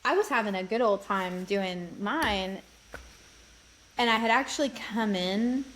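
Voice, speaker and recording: A woman co-hosting a podcast, speaking in an encouraging, animated, casual way. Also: mid-range voice, slight background noise, rough recording. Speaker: podcast co-host. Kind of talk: casual chat.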